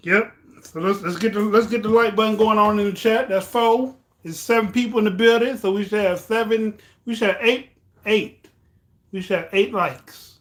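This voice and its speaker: A man's voice: high voice, steady tone, moderate pace. A tipsy man hosting a casual livestream, chatting to viewers in a loose, rambling way and repeating himself. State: tipsy from drinking. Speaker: livestream host. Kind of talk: casual live chat with viewers.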